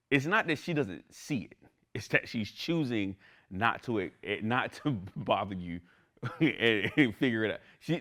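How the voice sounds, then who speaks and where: A man teaching a class in a conversational lecture, often checking in with the listeners. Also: medium pitch. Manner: animated, conversational, asks "right?" often. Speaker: instructor.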